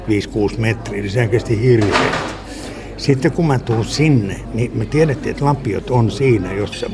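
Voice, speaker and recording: A man casually telling a long personal story, rambling and restarting as he recalls details. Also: lowish voice. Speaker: interviewee recalling a snowstorm.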